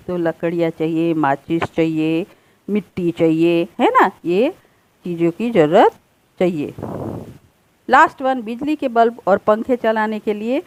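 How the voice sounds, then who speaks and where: A woman's voice: mid-range voice, darkish tone, a little hiss or hum, poor audio. A woman teacher explaining a grade-school textbook lesson step by step, patiently repeating the answers and mixing in English words.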